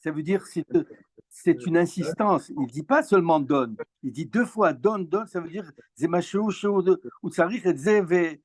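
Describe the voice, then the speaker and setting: A man's voice: sits high, normal speed, no room sound. A man answering in a class discussion, hesitant and searching for his words. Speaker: student in the class.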